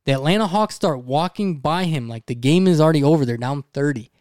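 A young man on a podcast recounts a story with lively energy, swearing often and acting out what others said. His voice sits a little high for a man and comes through dry and close, with no room sound. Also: brisk, dry recording. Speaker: podcast co-host.

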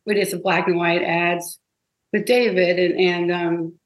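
A woman guest telling stories in an interview, animated and emotional, with many restarts. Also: fairly low pitch, unhurried. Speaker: guest, advertising copywriter. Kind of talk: interview storytelling. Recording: roomy echo.

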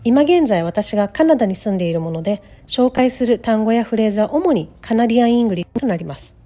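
Bright, lively woman teaching English. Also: fairly high pitch, soft background music. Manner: models pronunciation slowly, repeating words. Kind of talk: podcast language lesson. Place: lives in Canada.

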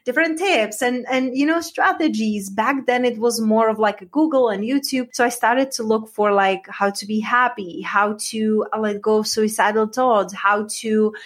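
A woman's voice: on the high side, normal speed, hardly any pauses. A woman from the Czech Republic with a Czech accent, a coach telling her story as a podcast guest, earnest and heartfelt. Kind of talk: podcast interview.

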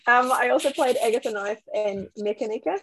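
A woman's voice: fairly high pitch, a little fast, over a noisy crowd, low-quality recording. A woman in a casual gaming chat as one of a podcast panel.

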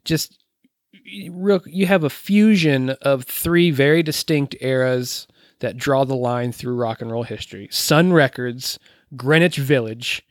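Guy cohosting a music podcast, excited and rambly, mid voice, dry close mic. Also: mid-range voice, measured pace, no echo. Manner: enthusiastic, rambling. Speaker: podcast co-host. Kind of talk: casual chat.

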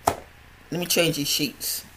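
An older podcast host with a stutter delivers a casual health monologue, chatty and rambling, with many restarts and repeated words. The mid-range voice is steady in tone, slow, pushed and bright, and husky. The recording quality is low.

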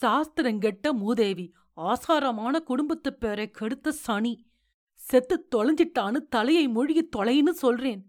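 A woman voicing a stern, orthodox middle-aged son who rebukes his mother curtly and shouts, in a read-aloud story. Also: sits high, lively intonation, unhurried, long pauses. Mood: angry.

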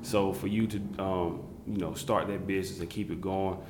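A man's voice: deep voice, steady tone, normal speed, a little mellow, echoey room, a little hiss or hum. A man from South Carolina hosting a casual interview, rambling with many fillers and restarts. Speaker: interview host.

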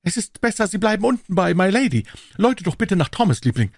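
A man's voice: sits high, sing-song, fast, vocal fry, no room sound, pitched above the performer's own voice, exaggerated voice. A man voicing a nervous, deferential lord with a raised, anxious, overly polite voice in a dry audiobook recording. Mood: agitated. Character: nervous, deferential middle-aged English lord.

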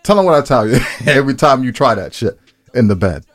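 An American podcast co-host banters casually, using slang and profanity, teasing and repeating phrases for emphasis. His medium-pitched voice is sing-song and brisk, with no room sound.

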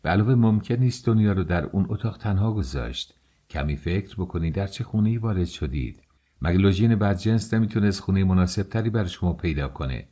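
A man voicing an excitable, loyal young student in an audiobook, loud and eager. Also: deep voice, husky. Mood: hushed. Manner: excited, shouting. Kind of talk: audiobook character voice.

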